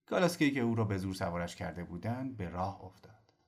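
A man narrating a novel as an audiobook in an expressive storytelling manner. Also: low-pitched, vocal fry. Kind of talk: scripted narration.

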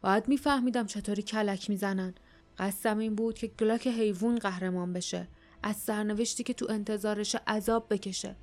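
A woman reading the lines of a gruff, secretive rebel man who talks in a dry, curt way. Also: medium pitch, steady tone, a little mellow, lightly acted.

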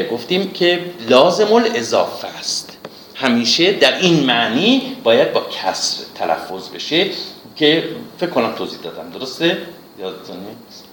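A man teaching classical poetry in a class, explaining patiently, checking with his listeners and reciting verses slowly. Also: medium pitch, fairly bright tone. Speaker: literature teacher. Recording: echoey room with faint noise.

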